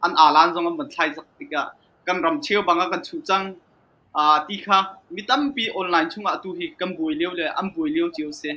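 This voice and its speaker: A man speaking in a panel discussion in an animated way. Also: high voice, fast.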